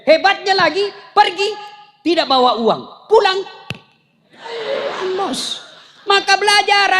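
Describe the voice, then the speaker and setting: A man preaching a humorous sermon, telling stories in an animated, joking way. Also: very high-pitched, slight background noise. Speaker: Islamic preacher.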